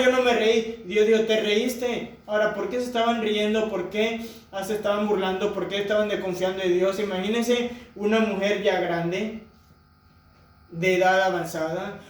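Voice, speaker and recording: A man preaching a sermon to a congregation, asking them rhetorical questions. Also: high voice. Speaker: pastor. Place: church hall. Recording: echoey church hall from far off.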